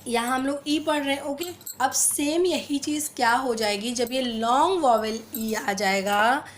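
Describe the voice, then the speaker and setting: A woman teaching a phonics lesson, explaining step by step and mixing Hindi with English, reading English rules out slowly and deliberately. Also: high voice, slight background noise.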